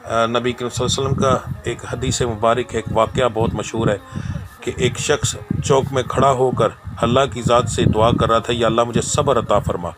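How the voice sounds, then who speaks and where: A man hosting a spiritual advice channel, giving earnest, preachy religious guidance to viewers and often pausing to check in with "okay". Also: mid-range voice, level tone. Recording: clear background noise.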